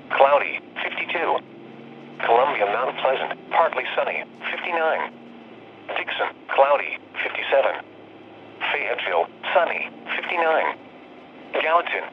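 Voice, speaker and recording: A synthetic text-to-speech man's voice reading a scripted weather broadcast as a radio announcer, impersonal and formulaic, in clipped segments. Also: mid-range voice. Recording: tinny narrow-band radio, clear noise.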